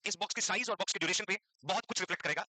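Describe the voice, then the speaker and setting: Quick, bright-voiced male exam teacher. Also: high-pitched, dry recording, poor audio. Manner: mixes English terms into Hindi, repeats points and quizzes students. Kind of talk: classroom lecture.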